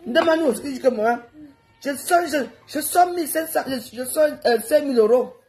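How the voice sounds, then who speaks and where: A woman, hosting a heated live stream and scolding her viewers with rapid rhetorical questions. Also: high voice, animated, darkish tone, reverberant.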